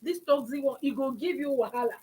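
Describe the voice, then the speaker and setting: A woman's voice: high voice, fast talker, darkish tone. A woman with a Nigerian accent hosting a conversational talk, acting out examples as she explains. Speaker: talk show host.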